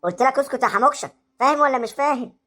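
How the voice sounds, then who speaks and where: A woman voicing a stern female schoolteacher who scolds a pupil and repeats her warnings in a gruff voice. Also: sits high, racing, bright, forceful tone, pitched below the performer's own voice. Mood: scolding. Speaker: teacher.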